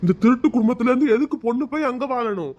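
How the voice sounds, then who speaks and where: A man voicing an angry, protective middle-aged village father in a cartoon, loud and scolding. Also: sits high, lively intonation, brisk, dull audio. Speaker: father of the bride.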